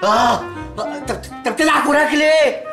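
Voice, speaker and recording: A man's voice: very high voice, lively intonation, fast talker, vocal fry, over music, full character voice. A panicking, stoned young man. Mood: panicked. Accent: Egyptian Arabic. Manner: whiny, gasping, panicky. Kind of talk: sitcom acting.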